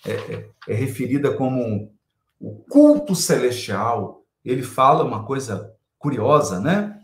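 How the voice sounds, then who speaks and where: A man's voice: mid-range voice, big pitch swings, measured pace, echoey room. A Brazilian man giving a spiritual lecture on scripture, emphatic, repeating key phrases and asking rhetorical questions.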